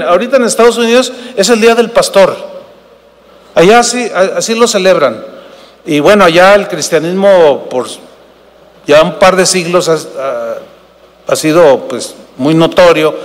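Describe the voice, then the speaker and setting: An older man from Mexico with a Mexican Spanish accent preaching a sermon, telling a story emphatically and calling his listeners brothers. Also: sits high. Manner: emphatic, repeats phrases, addresses listeners as brothers. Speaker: pastor. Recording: long reverb of a large hall.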